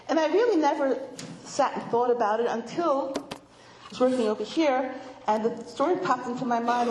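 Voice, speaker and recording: A middle-aged woman giving an informal talk to women, telling stories with animation and voicing children in a high pitch. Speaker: speaker addressing a women's audience. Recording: echoey room with faint noise.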